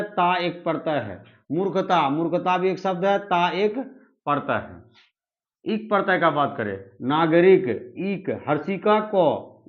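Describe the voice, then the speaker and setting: A man teaching an exam-prep grammar lesson, repeating each example slowly and addressing his students. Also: fairly high pitch. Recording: muffled lo-fi recording.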